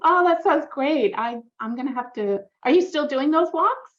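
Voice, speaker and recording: A woman's voice: high voice, expressive, lo-fi sound. Upbeat woman hosting a podcast. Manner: upbeat and encouraging, quick to react. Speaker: podcast host. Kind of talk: casual interview chat.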